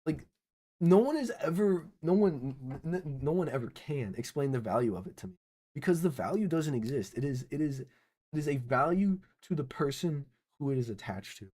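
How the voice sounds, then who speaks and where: A man's voice: on the high side, animated, moderate pace, dark tone. A young man hosting a reaction commentary, ranting incredulously with stumbling restarts and repeated words. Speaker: online video host.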